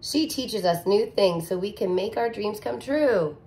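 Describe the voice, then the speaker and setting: Recorded near the camera in an indoor living room with a couch, this thirty-something teacher gives a sing-song, expressive picture-book reading for young kids. Her voice is mid-range and her pace unhurried.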